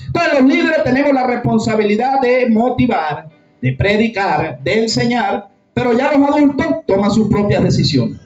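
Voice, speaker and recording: A high-voiced man preaches emphatically to his congregation. He is recorded from afar in an echoey church hall. The sound is dull, and faint music plays behind him. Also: sing-song, moderate pace. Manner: emphatic, addresses congregation as "hermano", rhetorical questions. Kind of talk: sermon. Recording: echoey room, distant mic, dull sound.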